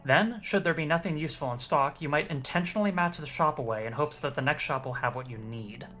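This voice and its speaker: A man's voice: fairly high pitch, fast, sharp tone, faint music behind. A man reading game text aloud as narrator during a playthrough.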